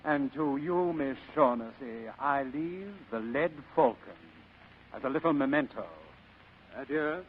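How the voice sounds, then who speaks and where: An actor playing an urbane, fat criminal mastermind in a 1940s radio drama, speaking in a florid, courtly manner. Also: male voice, medium pitch, a little slow, slight background noise, natural voice. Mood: smugly courteous. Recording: narrow-band old radio recording.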